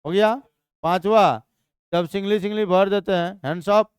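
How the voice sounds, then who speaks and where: A man teaching chemistry in a live class, energetic and constantly quizzing his students. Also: high-pitched, normal speed, clean tone, no echo, studio quality.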